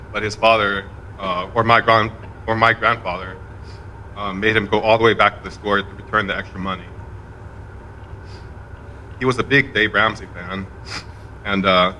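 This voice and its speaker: Bright-voiced man giving a eulogy. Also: on the low side, slight background noise, low-quality recording. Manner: fairly monotone, measured delivery. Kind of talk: memorial eulogy speech. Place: event room at a college campus.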